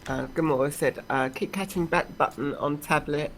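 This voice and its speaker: A woman's voice: low voice, moderate pace. A woman from Essex with a well-rounded, slightly posh English accent, chatting casually. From Essex, England. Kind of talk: casual chat. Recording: clear background noise, online voice chat.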